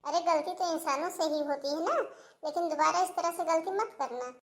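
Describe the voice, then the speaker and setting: A woman's voice: very high-pitched, a little fast. A woman voicing a scheming, two-faced older mother-in-law in a cartoon, sugary to her son and smug behind his back. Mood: sweetly forgiving. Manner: sugary scolding, then smug and sly. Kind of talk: cartoon voice acting.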